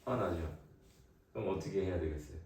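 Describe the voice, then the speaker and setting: Low-voiced man preaching at home. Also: a little fast, a little mellow. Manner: asks questions, building to emphatic exhortation. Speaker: leader of family worship. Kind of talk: home sermon. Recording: echoey room, distant mic.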